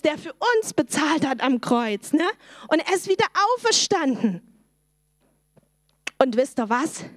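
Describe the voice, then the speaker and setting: Brief: woman, high voice, dry close sound, animated children's Bible teacher who quizzes the kids. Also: dry recording. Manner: lively storytelling, asks the children questions.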